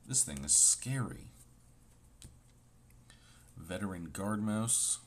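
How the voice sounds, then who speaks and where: Man, sore throat, deep-ish voice, casual chat, reads names aloud with playful asides. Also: lively intonation, slow pace, slight background noise. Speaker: host opening trading card packs.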